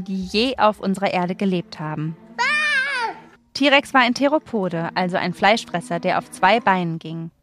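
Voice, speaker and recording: A female kids show host with a medium-pitched voice speaks over soft music. She addresses children directly, explaining things in simple, scripted language with playful little exclamations. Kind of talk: kids show hosting, scripted narration and questions.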